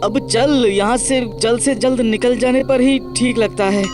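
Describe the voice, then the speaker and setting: A man's voice: extremely high pitch, fairly even intonation, measured pace, music in the background. A man voicing a jumpy, cowardly young cartoon character who stammers in panic. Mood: scared.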